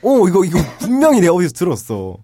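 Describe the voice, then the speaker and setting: Husky male co-host, playful teasing, dry studio sound. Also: high voice, huge pitch swings, quick pace, mellow, dry recording. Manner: teasing, plays along and laughs easily. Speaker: podcast co-host. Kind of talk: comedic podcast banter.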